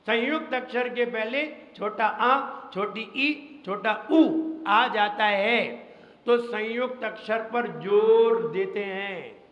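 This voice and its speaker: A Jain monk teaching Sanskrit recitation in a classroom lesson. He speaks slowly, repeats each rule several times and quizzes his listeners, with chanted verses in between. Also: sits high. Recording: dull, echoey hall recording.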